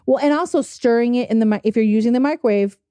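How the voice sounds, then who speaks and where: A woman hosting a podcast in casual chat, chatty and quick to laugh. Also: on the high side, smooth, no echo. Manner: laughs often, animated and chatty. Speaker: podcast host.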